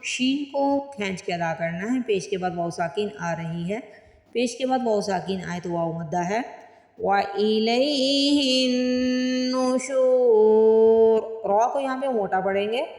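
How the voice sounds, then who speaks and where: A woman teaching Quran tajweed word by word, explaining each rule plainly and then reciting the words slowly with long drawn-out vowels. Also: medium pitch, darkish tone. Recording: echoey room with long reverb.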